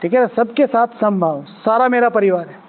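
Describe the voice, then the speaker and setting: High-voiced man teaching a spiritual class. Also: expressive, normal speed, slight background noise. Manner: conversational, asks the audience, acts out little quoted scenes. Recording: tinny phone-like sound.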